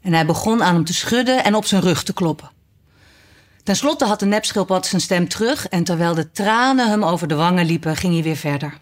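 A woman reading a storybook aloud in calm, clear narration. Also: lowish voice, fairly quick.

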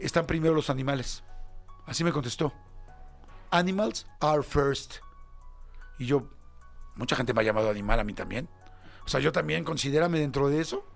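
A Mexican man with a Mexican Spanish accent telling a story casually, full of slang and jumping into high acted-out voices. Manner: animated, slangy, acts out other voices with big pitch jumps. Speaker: podcast host.

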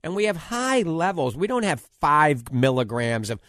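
A man from New Orleans, with the accent to match, speaks in a fairly high register. He hosts an informal health talk that doubles as a product pitch. He drives points home through lists and repetition, in a very dry recording free of room sound. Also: very animated, normal speed, a bit bright, no room sound. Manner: emphatic, repetitive, listing points. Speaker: health show host promoting diet and supplements.

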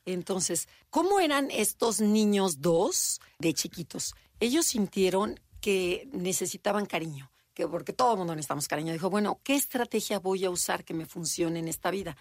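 A woman's voice: lowish voice, animated, moderate pace, hardly any pauses, no echo, studio quality. A woman co-hosting a podcast in casual chat, often acting out children and parents in little quoted voices. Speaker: podcast co-host.

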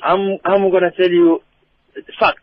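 A Congolese-accented man with a distinctly high voice gives his emphatic opinion on a radio phone-in. He explains insistently and checks that he is being understood. The sound is dry and somewhat dull, like a call put on air. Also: flat delivery, normal speed, dry recording.

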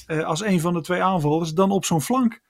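Male football pundit, slightly high voice, halting delivery, very dry close sound. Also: vocal fry, no room sound. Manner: hesitant, many fillers and restarts. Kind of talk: analytical sports chat.

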